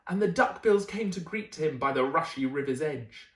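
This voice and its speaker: A woman reads a bedtime picture book with a lively, sing-song delivery and small asides to her listeners. Her voice carries an echoey room sound. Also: sits low, moderate pace. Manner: expressive, adds gentle asides. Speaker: teacher. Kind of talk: bedtime story reading.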